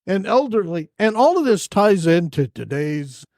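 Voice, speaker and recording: A man hosting a podcast, telling jokes and funny stories in an animated, casual way. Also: sits high, unhurried, dry recording, studio quality. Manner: animated storyteller. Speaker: podcast host. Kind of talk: casual joke-telling chat.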